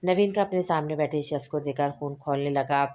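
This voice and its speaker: A woman's voice: low-pitched, fairly quick, mellow. A woman reading a romance novel aloud, voicing every character's lines in her own voice. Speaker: novel narrator.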